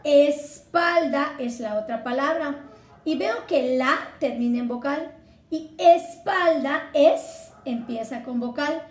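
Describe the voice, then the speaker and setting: A woman's voice: high voice, unhurried, roomy sound. A woman teacher from Mexico, patiently explaining a Spanish lesson and spelling words out syllable by syllable. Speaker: secondary school Spanish teacher.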